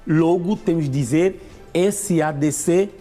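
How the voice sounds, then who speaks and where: A man's voice: fairly high pitch, a little slow, warm tone, soft background music. An Angolan man with an Angolan Portuguese accent, a language teacher explaining grammar patiently and step by step on a morning show.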